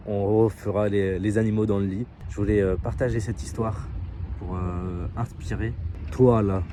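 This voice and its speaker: A man's voice: lowish voice, warm tone. A man from France with a French accent, telling a story in a casual vlog, chatty and full of filler hesitations, recorded outdoors in a city. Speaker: seduction coach vlogger. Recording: faint outdoor street noise.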